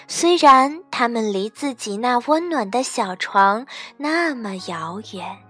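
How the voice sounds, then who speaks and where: A woman reading a children's story aloud in a gentle, expressive way. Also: a little high, no room sound. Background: faint background music.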